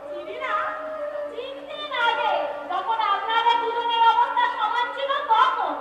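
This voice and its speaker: Woman as a hammy, high, blunt stage melodrama character. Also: unhurried, dull audio. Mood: insistent. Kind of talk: amateur Bengali jatra stage play. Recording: echoey stage, far mic, music and crowd.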